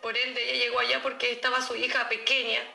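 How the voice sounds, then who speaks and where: A middle-aged woman with a Chilean Spanish accent, the mother of an accused teen, gives an earnest, emphatic personal testimony in an interview, repeating herself as she recounts events. Her voice is highish, level, fast and sharp-toned with vocal fry, and the recording is reverberant.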